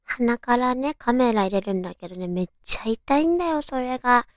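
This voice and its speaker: A young woman with a cute, girlish anime-style voice gone hoarse, hosting a casual solo radio talk in a cutesy, chatty way. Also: fairly high pitch, lively intonation, brisk, no room sound, studio quality. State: hoarse, raspy from overuse.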